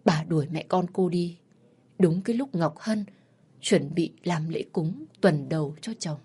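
Woman narrator, husky and low-ish voice, somber story reading. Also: unhurried, dark tone.

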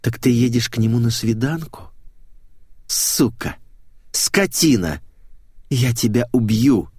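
A man's voice: mid-range voice, sing-song, moderate pace, darkish tone, no echo, clean studio sound. Man doing a brash, sarcastic young woman. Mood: mocking. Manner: mocking, snapping.

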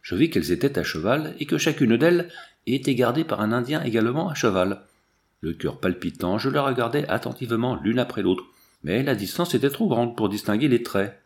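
A man reading a classic adventure novel aloud in steady, measured narration, with slight shifts for the quoted voices. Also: mid-range voice, creaky. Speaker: audiobook reader.

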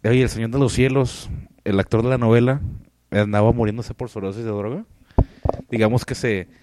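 A man's voice: mid-range voice, fairly even intonation, fairly quick, noisy background. A man co-hosting a podcast in casual chat, joking and teasing his co-host.

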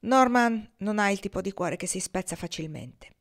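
A woman reading the part of a proud, guarded young woman, blunt and defiant, turning tearful and hushed. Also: mid-range voice, lively intonation, normal speed, natural voice.

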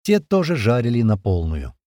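Brief: male audiobook narrator, dark tone, lively pitch, dry close sound, chatty first person. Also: normal speed, no room sound. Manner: conversational, swears casually.

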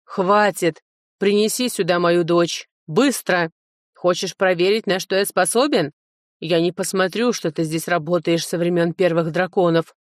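Woman doing a gruff, barking dragon lord. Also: fairly low pitch, steady tone, no echo, studio quality, lightly acted. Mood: furious. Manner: barking, hoarse and slow.

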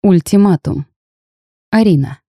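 A woman reads a first-person fantasy audiobook with wry, expressive storytelling. Her voice is low, dark and mellow. The sound is dry and close to the mic. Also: measured pace, no echo. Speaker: audiobook narrator.

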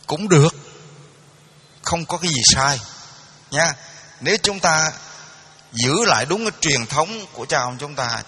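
A man's voice: a little high, sharp tone, husky. A man with a Southern Vietnamese accent giving a dharma talk, telling an old folk tale in a folksy, repetitive way with many restarts. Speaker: dharma teacher. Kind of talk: storytelling sermon.

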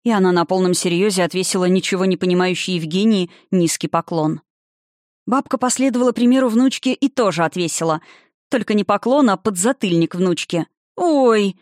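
A woman reading a fantasy novel aloud in a lively storytelling manner. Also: fairly low pitch, brisk, dry recording, clean studio sound. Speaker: audiobook narrator. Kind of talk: scripted fantasy narration.

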